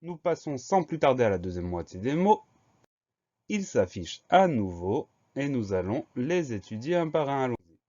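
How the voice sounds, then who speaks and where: A man gives a spelling dictation lesson in a steady, methodical way, breaking each word into syllables and letters. His voice sits in an ordinary middle register. The recording is a little dull and lo-fi. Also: mid-range voice, normal speed. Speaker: teacher.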